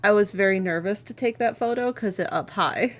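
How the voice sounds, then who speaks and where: A woman's voice: medium pitch, fairly quick, soft background music. A woman co-hosting a livestream in casual, conversational chat. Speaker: livestream co-host.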